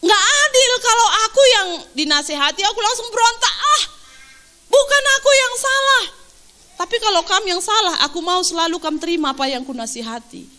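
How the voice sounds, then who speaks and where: A woman pastor preaching a sermon, lively and animated, acting out quotes and laughing along. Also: very high voice, quick pace, hardly any pauses.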